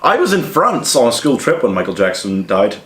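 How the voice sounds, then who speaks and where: A man's voice: mid-range voice, very animated, brisk, noisy background. Mock-earnest young man in an echoey room. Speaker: comedy podcast host. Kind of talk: casual comedic banter with read-out stories.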